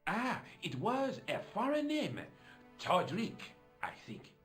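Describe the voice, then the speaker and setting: A man's voice: sits high, wildly swooping pitch, slow, a bit bright, soft background music, exaggerated voice. An actor playing a chatty, theatrical French café man in a video game, with a French accent. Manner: theatrical, melodramatic, fussy.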